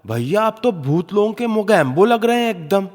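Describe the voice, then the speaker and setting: A man's voice: high-pitched, very animated, moderate pace, darkish tone, faint music behind. A man voicing a cocky, talkative young male ghost with rustic, teasing banter. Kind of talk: audio story acting.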